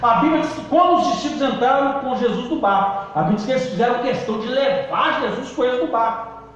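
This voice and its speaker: A male pastor preaching a sermon, calling out to the congregation and swinging between loud emphasis and quiet low lines. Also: fast talker. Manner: preaching with call-and-response, emphatic swings in pitch and volume. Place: church hall. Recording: distant echoey church hall recording, dull.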